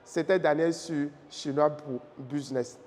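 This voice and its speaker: Slow, high-voiced teacher. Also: male voice, steady tone, darkish tone. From Africa. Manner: patient, repeats key phrases, checks understanding. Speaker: Mandarin teacher and channel host. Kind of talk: slow explanatory lesson with tone demonstrations. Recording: reverberant room with faint music.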